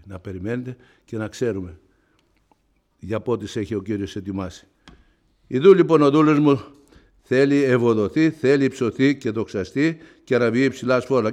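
A man preaching a sermon, retelling a Bible story with animated storytelling and acting out the characters' lines in raised voices. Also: mid-range voice.

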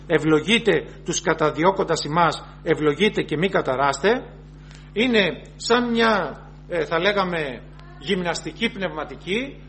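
A high-pitched man delivers an earnest sermon. He repeats and rephrases each point and reads scripture aloud before he explains it. A faint hum runs under the recording. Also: fairly bright tone. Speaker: preacher.

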